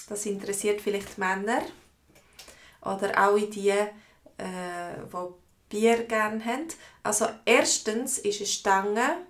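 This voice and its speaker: A woman with a Swiss accent, teaching a live online language lesson, explaining words slowly and answering viewers' comments. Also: medium pitch, fairly bright tone, roomy sound. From Switzerland. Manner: slow, explanatory, repeats words for learners.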